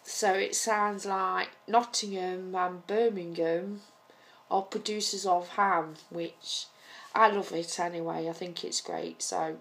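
Woman, East Midlands accent, slightly low voice, very slow and hesitant, casual home video chat. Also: steady tone, fairly bright tone, a little hiss or hum. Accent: East Midlands English. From England. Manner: chatty, hesitant with frequent ums.

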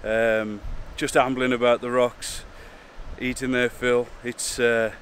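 A man, talking casually and a little hesitantly to camera as a wildlife vlogger, outdoors beside rushing water. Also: medium pitch, flat delivery, fairly bright tone. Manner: informal, hesitant and chatty. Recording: outdoor wind, rushing water and traffic noise.

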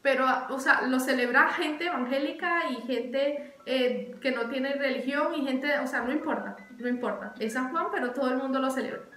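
Young woman vlogging, high voice, echoey room, faint music under it. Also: normal speed, few pauses. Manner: animated, repeats words for emphasis. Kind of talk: casual chatty explainer.

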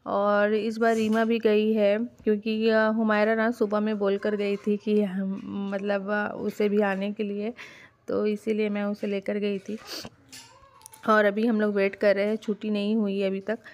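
A woman's voice: mid-range voice, completely flat delivery, a little slow, a little mellow. A woman giving a casual voice-over for her family vlog, chatty and rambling, with frequent fillers and restarts. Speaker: family vlogger.

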